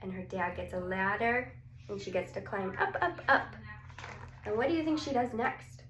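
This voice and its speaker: Animated and a bit bright, her mid-range voice moves at a moderate pace as she reads a picture book to little kids. She stretches out words and poses questions to them, in a space with noticeable echo and some background noise.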